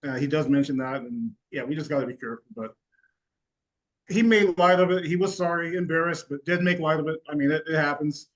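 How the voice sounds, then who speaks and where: A man co-hosting a casual sports talk show, speaking in a relaxed, hesitant way with lots of fillers. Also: a little high, fairly quick, poor audio. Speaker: co-host.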